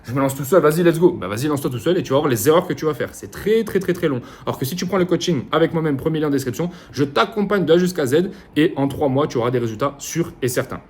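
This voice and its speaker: Guy doing a rapid-fire hype monologue, slangy, swears, keeps repeating himself, coach vibe. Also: a little high, lively intonation. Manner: fast, insistent, repetitive, slangy and profane. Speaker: online business coach. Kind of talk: motivational monologue to camera.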